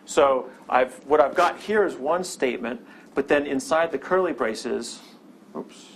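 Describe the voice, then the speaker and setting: Explaining code step by step on a screen recording, the instructor keeps checking in with "okay?" and often starts his sentences over. His voice is mid-range, unhurried and a bit bright, with a little hiss or hum behind it.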